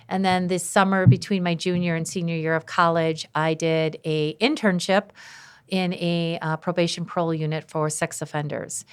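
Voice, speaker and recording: Loud, bubbly woman in her fifties. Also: fairly low pitch, smooth. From Wisconsin, USA. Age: 50s. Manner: loud, bubbly, laughs often. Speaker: podcast guest, former police officer. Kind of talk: casual interview chat.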